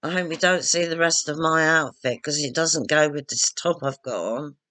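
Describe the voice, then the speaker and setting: Her fairly bright, low-pitched voice moves at a moderate pace as she chats to viewers from home. The vlogger rambles and jokes at her own expense while walking through the room with her phone camera, which serves as the microphone in place of a proper webcam.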